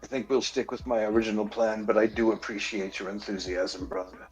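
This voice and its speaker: A man playing in a tabletop game, speaking in character in a measured, polite way. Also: fairly low pitch, flat delivery, highs cut off, soft background music. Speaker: player.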